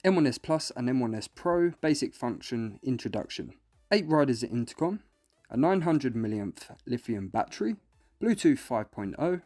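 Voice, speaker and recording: A man with a warm, mid-range voice reads a scripted product review as step-by-step instruction. Music plays behind him.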